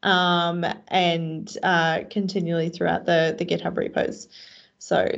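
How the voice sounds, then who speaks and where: A woman's voice: fairly low pitch, level tone, measured pace, gravelly. A woman presenting casually at an online meetup, chatty and self-deprecating, with plenty of fillers. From Australia. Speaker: co-presenter, web developer. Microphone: video call. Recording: slightly dull online call audio.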